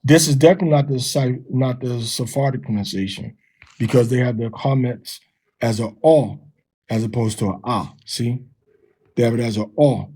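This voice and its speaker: A man teaching from a text, sounding out syllables slowly and repeating them. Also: mid-range voice, darkish tone, husky, rough recording. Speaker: teacher of a language lesson.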